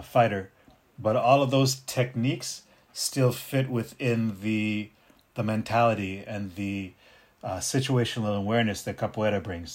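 A middle-aged man, born in Detroit and raised partly in North Africa, speaking in a reflective, unhurried way as a martial arts teacher in a casual interview. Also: lowish voice. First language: Arabic. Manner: reflective, unhurried, with frequent restarts. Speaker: capoeira teacher and martial artist.

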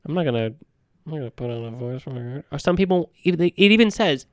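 A man's voice: a little high, animated, racing, dry recording, clean studio sound. A man co-hosting a podcast about tabletop gaming, chatting casually, rambling and swearing freely. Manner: rambling, swears freely, laughs mid-sentence. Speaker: podcast co-host, game master. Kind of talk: casual chat.

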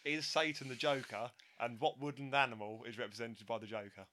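Man, Essex accent, bright voice, middle pitch, casual podcast banter, giggly, asks questions. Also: fairly even intonation, brisk. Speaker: podcast co-host.

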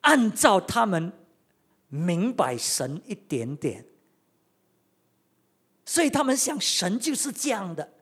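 A preacher giving a sermon, retelling a story with many rhetorical questions and swings between loud and quiet. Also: medium pitch, very animated, slow pace, long pauses, husky.

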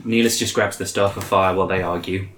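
A man playing a tabletop game, chatting and role-playing casually in a halting, conversational way. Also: low voice, fairly even intonation, a bit bright, slight background noise. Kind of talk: casual role-play chat. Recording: echoey room.

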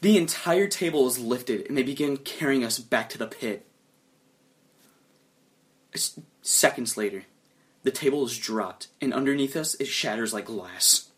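A male game master narrates an adventure with a very animated, widely swinging pitch. He sinks into low, hushed tones for suspense, then rises again as the action picks up. His voice sits in a middle pitch range. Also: a little slow, pauses often. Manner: lively, dramatic storytelling that drops low and hushed for suspense.

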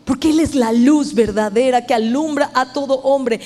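Woman preacher, high voice, emphatic sermon, long hall echo. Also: normal speed, dark tone. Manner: earnest, emphatic, addresses listeners directly. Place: church meeting hall.

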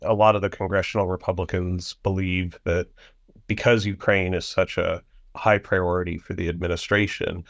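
A man analysing foreign policy in a halting way, with many fillers and restarts. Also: deep voice, little pitch movement, creaky, no room sound. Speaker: panel guest analyst. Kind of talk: policy discussion.

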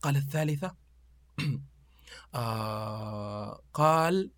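A man's voice: mid-range voice, takes it slowly, no echo. A man, telling old anecdotes and reciting verse in a casual podcast chat. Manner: animated storyteller reciting poetry, fillers.

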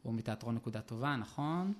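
A young man, a puppeteer and theatre director, talking softly and hesitantly with many fillers. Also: mid-range voice, expressive. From Israel. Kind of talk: interview and puppet show patter.

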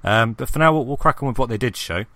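A man's voice: medium pitch, expressive, fast, bright, forceful tone, no room sound. A man hosting a casual gaming podcast, rambling with lots of ums and restarts as he puts questions to his co-host.

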